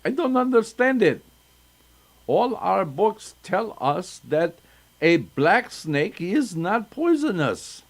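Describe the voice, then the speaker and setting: A man's voice: high voice, big pitch swings, slow, exaggerated voice. A man voicing an old male village sage in a folktale, asking urgent questions. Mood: baffled.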